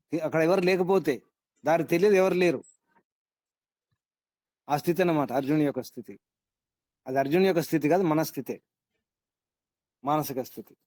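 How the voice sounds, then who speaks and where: A man's voice: a little high, darkish tone, no echo. A man teaching a scripture class, quizzing his students and repeating his points for emphasis. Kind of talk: interactive class lecture.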